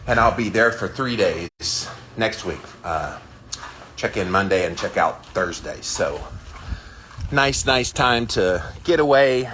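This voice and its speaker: A vlogger with a fairly low but fairly bright voice livestreams his daily ice bath challenge, chatting casually with viewers. He's vacationing at a villa, in and around the bathroom, and the recording has background noise and is sometimes echoey from the small room.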